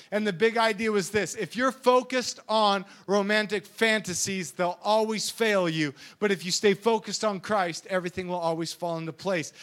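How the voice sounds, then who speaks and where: A young man preaching an energetic sermon, animated and joking, acting out silly voices as he goes. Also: high voice.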